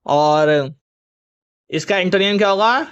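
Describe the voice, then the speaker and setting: High-voiced male teacher drilling vocabulary. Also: slow pace, fairly bright tone, clean tone, dull audio. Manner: spells each word letter by letter, then gives its meaning and opposite; addresses students as children. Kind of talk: vocabulary lesson for exam students.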